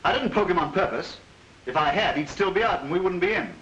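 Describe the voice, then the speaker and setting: An actor playing a glib, squabbling suitor in a 1930s film, talking quickly. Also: male voice, sits high, a bit bright, muffled recording. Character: smooth, squabbling male suitor, fast-talking. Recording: roomy, hissy old film soundtrack.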